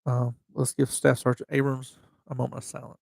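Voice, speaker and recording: A man hosting a casual livestream, reading memorial entries in a halting way with slightly slurred speech, often restarting words and reading dates slowly. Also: mid-range voice, flat delivery, vocal fry, darkish tone, dry recording. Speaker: livestream host.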